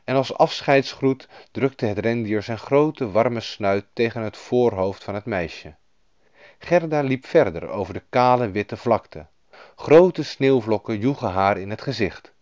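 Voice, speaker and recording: A man reads a fairy tale aloud with a bouncy, animated voice. The recording is dry and a little dull, like an older lo-fi track. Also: mid-range voice, unhurried, dry recording. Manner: lively storybook reading, voicing each character. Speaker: storyteller. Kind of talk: scripted fairy-tale narration.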